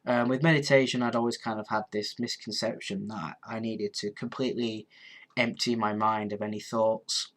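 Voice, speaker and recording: This twenty-something streamer sounds stuffed up and sniffly as he talks casually and answers viewer comments. His voice is lowish and steady in tone, though he wanders, hesitates with ums, and often starts sentences over.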